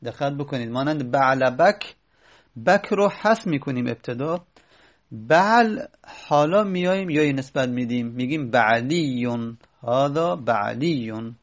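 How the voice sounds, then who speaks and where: Guy teaching grammar, mid-pitched ordinary voice, patient, repeats stuff, lots of little pauses n fillers. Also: lively intonation. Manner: patient, repeats each step, thinks aloud with fillers. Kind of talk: explanatory grammar lesson.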